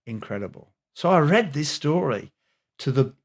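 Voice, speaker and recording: A middle-aged man, a health expert guest on a podcast, telling an animated anecdote. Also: a little high, normal speed. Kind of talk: storytelling in a podcast interview.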